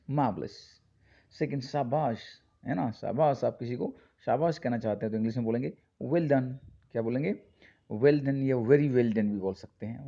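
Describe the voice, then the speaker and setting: A man's voice: mid-range voice, mellow. A man teaching spoken English in Hindi, reading phrases aloud and repeating each English line for his students. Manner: reads sentence pairs aloud and repeats the English with a quiz-like "क्या बोलेंगे?". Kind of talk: Hindi-medium English lesson. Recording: dull lo-fi recording.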